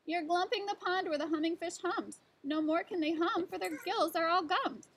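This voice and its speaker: A woman's voice: very high-pitched, normal speed, fairly bright tone, pitched above the performer's own voice. Woman doing a fussy scolding forest creature. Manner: scolding, singsong rhyming delivery. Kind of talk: storybook read-aloud.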